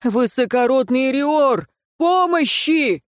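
A frantic older peasant father, as a woman reader puts him on, crying out for help in a raised, strained voice that rides high with desperation. Dry, close storybook read. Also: moderate pace, dry recording, lightly acted. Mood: desperate. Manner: desperate, shouting, tearful pleading. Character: anxious peasant father, older man, loud and pleading.

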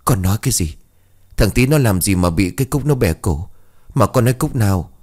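A man's voice: on the low side, animated, brisk, darkish tone. A man voicing a frightened village mother who questions her son urgently. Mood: alarmed.

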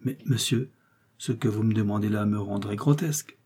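A man's voice: fairly low pitch, normal speed, mellow, breathy edge. A man reading the part of a naive, flustered middle-aged sugar maker in an audiobook, pleading and protesting anxiously.

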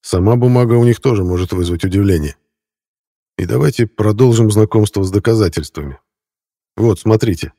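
An earnest young man come back from the future, explaining himself firmly and ready to flare into anger, voiced by a man reading the book. The voice sits low and mellow, and the sound is close and dry. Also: brisk, husky, dry recording. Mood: explaining calmly.

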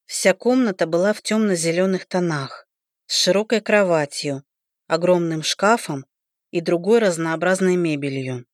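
A woman narrating a fantasy novel in first person, in an even storytelling delivery, on a close studio mic. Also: on the low side, normal speed, no room sound. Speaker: audiobook narrator.

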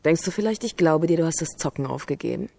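A woman's voice: sits low, fast, gravelly, a little mellow. An actress playing a jealous, suspicious female computer program who is a virtual lover, in a radio play. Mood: bitter, suspicious. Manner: accusing, jealous, interrogating.

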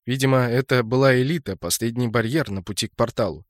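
A man narrating a fantasy game novel in a steady storytelling voice, lifting it sharply for shouted lines. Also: mid-range voice, fast, no room sound, clean studio sound. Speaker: audiobook narrator.

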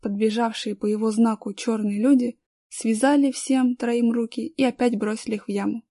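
A woman narrating a children's story chapter in a steady, even audiobook reading. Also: fairly high pitch, moderate pace, dry recording, clean studio sound.

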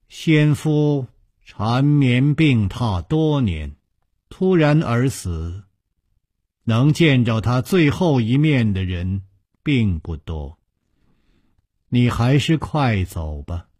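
A man voicing a cold, aloof middle-aged widow in a told story, speaking quietly and low with a detached manner. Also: very animated, takes it slowly, long pauses, slightly rough, heavily acted. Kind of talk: storytelling broadcast.

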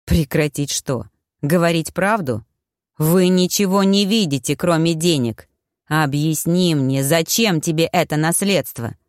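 A woman's voice: low-pitched, unhurried, dry recording, clean studio sound. A woman reading an audiobook, voicing a sarcastic, defiant young man who mocks his family. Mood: mocking. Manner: mocking, biting, scornful.

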